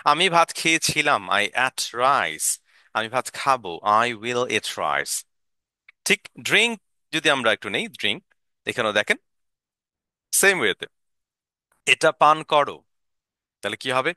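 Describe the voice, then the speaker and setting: A man teaching an English lesson, drilling short sentences and asking learners to repeat after him. His pitch swings widely as he talks, and the tone is very bright. The sound is dry, close to the mic. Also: very animated, takes it slowly, pauses often, no echo.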